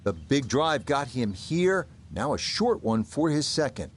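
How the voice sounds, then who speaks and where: A man works as the lead golf commentator on a live broadcast. His mid-range voice delivers short, measured play-by-play calls. A light bed of ambient noise sits behind him. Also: mid-range voice, very animated.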